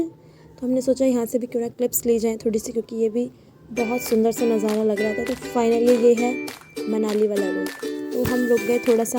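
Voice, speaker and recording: A woman's voice: on the high side, dark tone. A young woman narrating a casual travel vlog, chatty and repeating set phrases as she goes. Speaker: vlogger.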